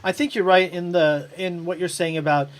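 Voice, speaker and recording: A woman's voice: lowish voice, fairly even intonation, normal speed. A woman hosting a casual online panel chat about television, talking in a rambling way with plenty of ums. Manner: rambling with fillers and restarts. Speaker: host.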